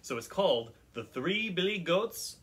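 A man reading a picture book aloud for children's storytime, often pausing to ask the listeners questions about words. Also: high voice, big pitch swings, fairly bright tone.

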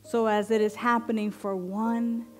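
A woman minister leading a guided affirmative prayer in slow, deliberate, meditative phrases with long pauses. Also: on the high side, flat delivery, a little mellow, soft background music. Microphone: headset microphone.

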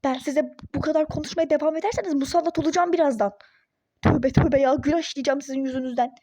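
A woman's voice: high-pitched, fairly even intonation, fast, mellow, no room sound, natural voice. A woman voicing an irritable, skeptical young pregnant mother in a phone-game role-play story, snappish and sarcastic. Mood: exasperated.

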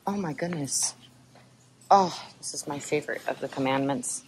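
A young woman with a low, chatty voice narrates her walk through a derelict hospital. She laughs easily between remarks, and her handheld camera adds a faint background hiss. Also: normal speed. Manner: chatty and giggly, laughs often. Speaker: urban explorer vlogger. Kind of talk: casual vlog narration. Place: abandoned hospital building.

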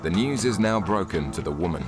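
A man narrating a documentary in a measured, scripted voice-over. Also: low voice, animated. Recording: studio voice-over with loud music behind.

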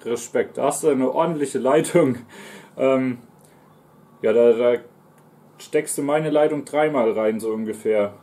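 Seated on a sofa in a small living room, this twenty-something streamer with a German accent hosts a mukbang, chatting casually and replying to chat while he eats. His mid-range voice is mellow and unhurried, broken by long pauses as he talks between bites.

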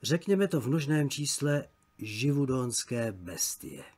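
A man reading a travel story aloud as an audiobook narrator, measured and literary. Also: mid-range voice, very animated, a little mellow, husky.

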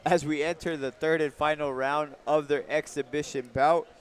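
A man's voice: a little high, fairly even intonation, normal speed, a crowd in the background. A man giving casual live boxing commentary.

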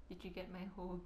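A woman co-hosting a gaming video in a relaxed, giggly chat, easily delighted by what happens on screen. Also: lowish voice. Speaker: co-host playing a video game. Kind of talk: casual chat while gaming. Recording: echoey room with background noise.

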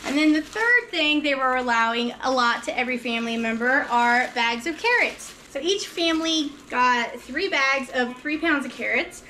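A woman's voice: high-pitched, expressive, moderate pace, hardly any pauses, sharp tone, a little hiss or hum. A mother in her thirties chatting casually and enthusiastically to viewers in her home kitchen as she unpacks groceries. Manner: upbeat, enthusiastic, talks straight to viewers. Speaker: vlogger, mother.

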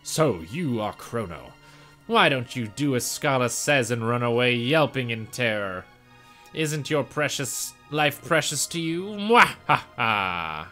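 A man voicing a cruel, gloating video game tyrant in a slow, theatrical, menacing villain manner. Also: mid-range voice, expressive, pushed and bright, faint music behind. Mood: mocking, gloating. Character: cruel gloating tyrant serving a monstrous power.

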